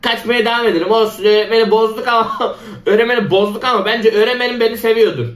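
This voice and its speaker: A man hosting a game channel with excited commentary, talking straight to his viewers, often laughing and exclaiming, slightly ill with a rough edge to his voice. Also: high-pitched, fast, echoey room. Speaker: gaming channel host.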